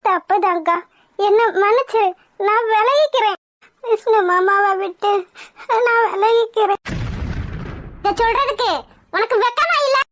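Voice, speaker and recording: A woman's voice: very high-pitched, measured pace, long pauses, fairly bright tone, slight background noise. A woman voicing a secretive, guilty young woman in a cartoon, pleading and tearful. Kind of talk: cartoon voice acting.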